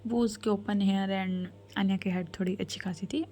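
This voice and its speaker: Woman storyteller, whispered storytelling, chatty, mellow soft tone. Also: medium pitch, fairly even intonation, normal speed, slight background noise. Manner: chatty, addresses listeners as bhai.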